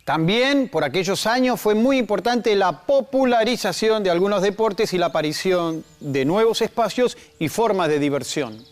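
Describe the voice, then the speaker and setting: A man with an Argentine Spanish accent narrating a scripted educational program in a lively, conversational way. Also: high-pitched, moderate pace, hardly any pauses.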